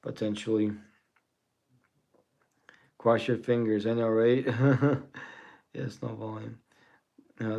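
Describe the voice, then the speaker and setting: A man's voice: lowish voice, creaky, dark tone. A man in his forties, born in Russia and raised in the US, chatting casually on a trading livestream, rambling and thanking viewers with frequent chuckles. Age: 40s.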